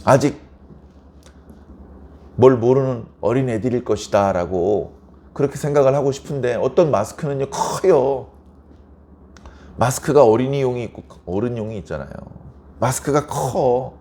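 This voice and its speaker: A man's voice: mid-range voice, moderate pace, pauses often, mellow. A male pastor preaching at an early-morning service. He talks conversationally, keeps asking the congregation rhetorical questions, and acts out little everyday quarrels as he goes.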